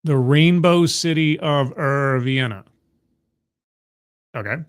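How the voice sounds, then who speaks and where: With a slow, clear, resonant voice of medium pitch, this streamer comments live on a video he's watching. It's casual commentary full of wry, skeptical remarks, plus thanks to people in the chat.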